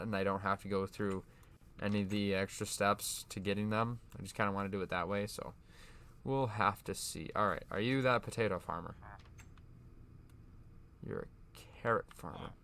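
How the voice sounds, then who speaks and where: A man's voice: lowish voice, a bit bright, a little hiss or hum. A young man giving casual, rambling commentary over his own gameplay, often correcting himself and laughing at himself. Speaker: gaming YouTuber.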